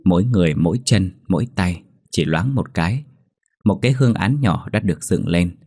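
A man narrating a ghost story in a slow, somber, dramatic way. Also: low voice, lively intonation, a little mellow, husky, dry recording.

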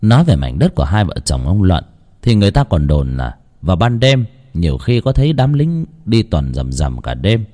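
A man narrating a ghost story in a dramatic, hushed storytelling manner. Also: sits low, very animated, normal speed.

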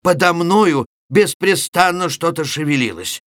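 A man reading aloud and voicing a gruff, boisterous middle-aged Cossack villager who exclaims loudly. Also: on the high side, animated, unhurried, dry recording, clean studio sound, voice pushed up. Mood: blustering. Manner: loud exclaiming, blustering.

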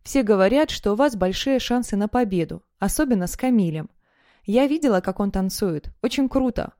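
A woman's voice: mid-range voice, expressive, fairly quick, warm tone, no echo, studio quality, natural voice. A woman reading the lines of a teasing, nosy teenage girlfriend in an audiobook.

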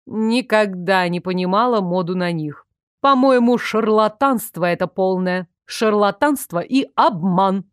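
A woman reading an audiobook voices a sharp-tongued, disapproving older female archivist who talks bluntly and scornfully. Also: medium pitch, unhurried, clean tone, no echo, studio quality, close to an everyday voice.

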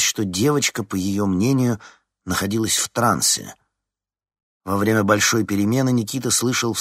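Lively low-voiced male narrator. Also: no echo, studio quality. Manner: expressive, voices each character. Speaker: audiobook narrator. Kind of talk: scripted narration.

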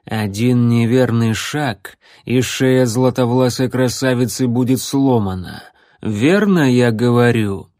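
Unhurried, sneering necromancer, as a male reader puts him on; drawn-out sarcasm, dry close sound. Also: mid-range voice, darkish tone, no echo, close to an everyday voice. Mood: mocking. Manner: slow, measured, mocking. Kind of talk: audiobook character voice.

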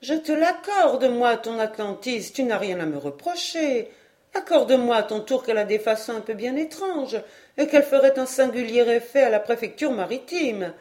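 A woman's voice: a little high, lively intonation, normal speed, darkish tone, close to an everyday voice. A woman reading an audiobook voices a fussy middle-aged mother who talks in a chatty, slightly huffy way. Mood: piqued. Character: fussy middle-aged French mother, proud and a bit prim.

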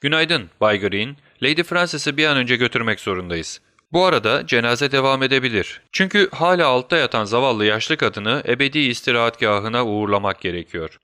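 A man's voice: mid-range voice, animated, a little fast, pushed and bright, clear, resonant tone, dry recording, studio quality. A man voicing Sherlock Holmes, a brilliant, restless detective who speaks urgently and gives commands, in an audiobook. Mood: brisk. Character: brilliant, restless male detective in his prime. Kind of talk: audiobook character voice.

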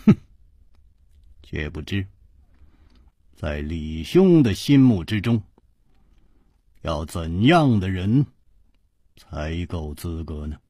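A man voicing a calm, unflappable male hero in a storytelling reading, speaking low and quietly. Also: slow, pauses often, breathy edge, dry recording, studio quality, full character voice.

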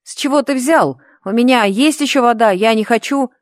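Woman reader as a terrified young lad: high, shaky, pleading, dry booth sound. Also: normal speed, no room sound, natural voice. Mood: frantic denial. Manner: high, tearful, desperate. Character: panicky teenage boy, scared and pleading.

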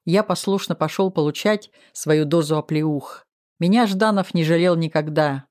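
A man's voice: on the high side, normal speed, darkish tone. A man steadily narrating a first-person audiobook.

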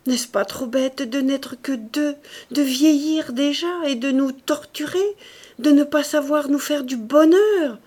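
A woman's voice: sits high, takes it slowly, darkish tone, pitched above the performer's own voice. A woman voicing a passionate, desperate young lover. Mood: pleading. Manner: passionate, shifting from fury to tender whispers.

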